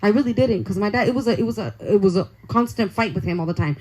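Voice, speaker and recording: A young adult woman, a youth pastor, telling an excitable, chatty testimony sermon to young people and saying "like" a lot. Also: mid-range voice, fast, low-quality recording. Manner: excitable, chatty storytelling full of "like".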